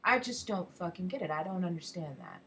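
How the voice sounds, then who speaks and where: A woman's voice: lowish voice, big pitch swings, a little fast, bright, forceful tone, a little hiss or hum. An American woman in a casual personal rant, speaking frankly with heavy swearing and emphatic rhetorical questions. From United States. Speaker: vlogger, self-described erotic artist.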